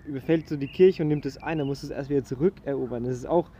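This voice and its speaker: A man discusses a historical document as a student in a casual study session, speaking hesitantly with lots of fillers and false starts. He has a mid-range, mellow voice and talks fast, with slight background noise present.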